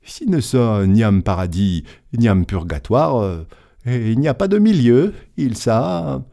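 A man's voice: medium pitch, big pitch swings, a little slow, gravelly, dark tone. A man voicing a solemn male angel who keeps a great book, grave and given to sighing, in a told tale. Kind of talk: audiobook storytelling.

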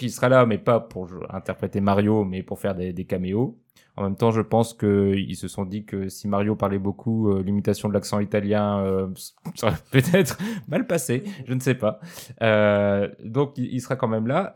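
A man's voice: fairly low pitch, fairly even intonation, normal speed, darkish tone. A man co-hosting a casual talk show, chatting with many hesitant fillers. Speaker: podcast co-host. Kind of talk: casual chat.

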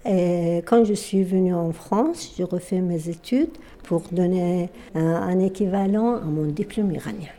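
A woman in her sixties, from Iran, introducing herself as an apprentice reporter in an unhurried way, pausing often with fillers. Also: on the low side, mellow. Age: 60s. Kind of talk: self-introduction.

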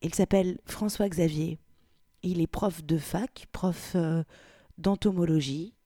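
A woman's voice: on the low side, fairly even intonation, slow pace, dry recording, clean studio sound. A woman reading aloud and voicing a shy, reserved young married woman who speaks hesitantly. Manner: hesitant, soft-spoken.

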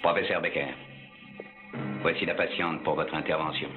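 Sinister hypnotist master: very deep, slow, measured menace, thin phone-like film audio over score. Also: male voice, fairly even intonation. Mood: menacing. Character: sinister male hypnotist master, commanding and cold. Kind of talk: dubbed film dialogue. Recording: tinny lo-fi film clip with music.

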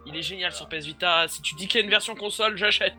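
High, bright-voiced young man. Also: racing, soft background music. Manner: enthusiastic, joking, rambling with fillers. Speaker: podcast co-host presenting game news. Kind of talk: casual gaming podcast chat.

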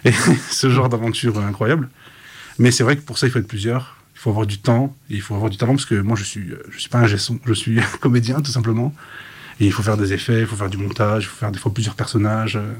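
Man, voice actor, husky voice, fast enthusiastic storytelling, casual interview. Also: fairly low pitch, steady tone.

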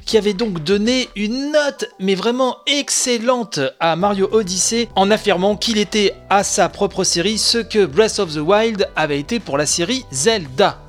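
A man's voice: high-pitched, a little slow, hardly any pauses, faint music behind. A married man hosting a casual spoken video game press review, chatty and opinionated, with many asides and fillers. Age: adult, married. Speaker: video game news show host.

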